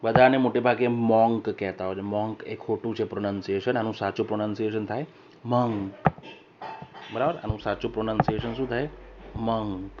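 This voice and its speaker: Guy teaching english vocab, reads sentences out slow n loud, keeps checking u got it, muffled recorder with light hiss. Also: fairly low pitch, steady tone. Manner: reads English sentences slowly and louder, then explains; keeps checking understanding with short questions. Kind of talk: recorded classroom lesson. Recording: dull lo-fi voice recorder with faint hiss.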